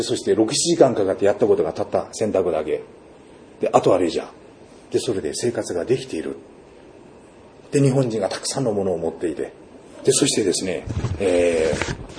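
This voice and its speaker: Mellow-voiced man preaching with lively storytelling. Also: sits low, a little hiss or hum. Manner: storytelling with vivid sound words and rhetorical questions. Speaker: pastor. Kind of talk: sermon.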